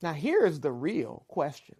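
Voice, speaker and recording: A woman giving measured, persuasive relationship advice in a documentary interview. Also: low-pitched, big pitch swings, warm tone, husky. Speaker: relationship speaker.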